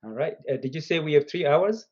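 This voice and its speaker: A Zimbabwean entrepreneur in his fifties tells his story as a guest on a casual video call interview, chatty and laughing between points. His voice is a little high, husky and darkish, brisk with lively intonation, and the sound is lo-fi.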